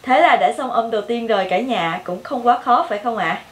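A young woman with a Vietnamese accent teaching English pronunciation, modeling each sound clearly and repeating every word several times. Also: on the high side, a little fast, reverberant, very noisy. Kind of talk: pronunciation lesson with repeated drill words.

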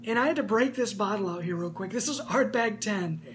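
A man's voice: sits high, brisk, fairly bright tone. A man in his twenties giving a casual, enthusiastic product review, recorded indoors on a camera. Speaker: snus reviewer. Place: small room indoors. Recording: faint background hum.

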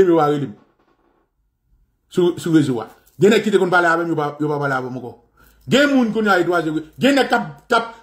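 A man with a Haitian accent, a political activist and radio host, giving a fiery, repetitive monologue that rises to shouts and swearing. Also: high voice.

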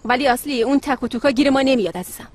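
A woman dubbing a hot-tempered, sharp-tongued young woman in a TV comedy drama, irritable and snappy. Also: sits high, faint music behind. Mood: angry.

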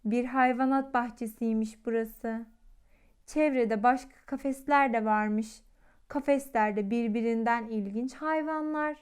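Smooth-voiced woman reading a storybook. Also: fairly high pitch, unhurried. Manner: gentle, expressive storybook telling. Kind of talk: reading a children's storybook aloud.

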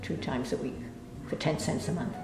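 In a bookshelf-lined library room, an older woman from New York looks back on her life during a relaxed interview, speaking slowly with frequent hesitations and restarts. She has a low voice, and the recording carries a roomy echo with music beneath it.

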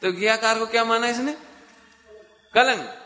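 A man's voice: extremely high pitch, pushed and bright, big-room sound. A man giving a spiritual discourse to a live audience as a Jain teacher, who keeps asking his listeners questions and answering them himself. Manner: chants scripture lines slowly.

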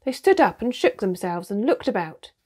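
A woman reading a children's storybook aloud, with steady, expressive narration. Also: mid-range voice, moderate pace, breathy edge. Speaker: reader.

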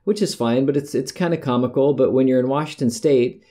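A man's voice: medium pitch, brisk, warm tone. A middle-aged American man talking casually about hiking in a rambling, conversational monologue, often correcting himself mid-sentence. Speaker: podcast host.

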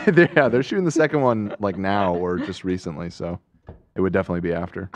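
A man's voice: deep voice, fast talker, crowd noise. A man chiming in with casual jokes on a talk show. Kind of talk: casual joking chat.

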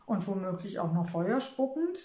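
Storybook princess girl, read by a woman: spirited, sarcastic, heated, higher voice, echoey room. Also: big pitch swings, normal speed, dark tone, lightly acted. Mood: indignant. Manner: agitated, sarcastic, exclaiming. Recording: roomy echo.

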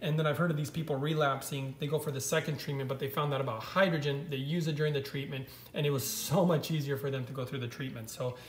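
A man's voice: mid-range voice, fairly even intonation, fast, few pauses, echoey room. A man talking off camera as a vlogger, enthusiastically walking viewers through images on a screen and calling them "guys.".

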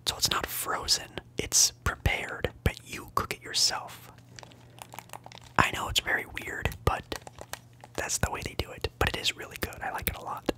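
A young adult ASMR livestream host whispers casually to viewers at a normal speed, the voice pushed and bright on a low-quality recording. The host answers live viewers, rambling with fillers and repeating trigger words.

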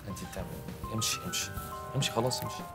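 A chatty Egyptian man, played by an actor, pries and rambles in a lowish voice at a rapid clip. Music sits clearly behind him. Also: close to an everyday voice. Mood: sentimental. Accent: Egyptian Arabic. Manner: nosy, chatty, sentimental.

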